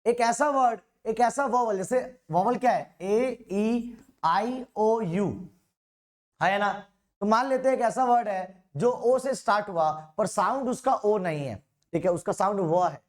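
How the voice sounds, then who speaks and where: A man teaching an exam-prep grammar lesson, chatty and informal, reading out example sentences slowly and often correcting himself mid-sentence. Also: sits high. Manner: informal, repeatedly calls students "bhaiya".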